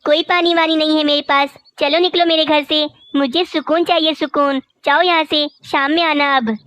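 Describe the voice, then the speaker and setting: A woman voicing a lazy, bossy young female crow wife in a cartoon, sharp-tongued and scornful. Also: high voice, fairly even intonation, moderate pace, no echo. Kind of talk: cartoon voice acting.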